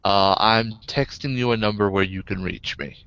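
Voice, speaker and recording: A man voicing a smooth, secretive male information broker who speaks in an unhurried, knowing way. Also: fairly low pitch, fairly bright tone, dry recording, muffled recording.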